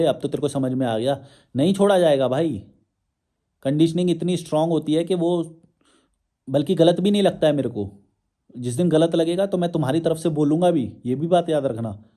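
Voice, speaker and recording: A young man talks straight to his viewers in a combative, challenging way, stacking up rhetorical questions. His voice sits a little high but sounds mellow and warm. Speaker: social media commentator. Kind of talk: confrontational monologue to viewers.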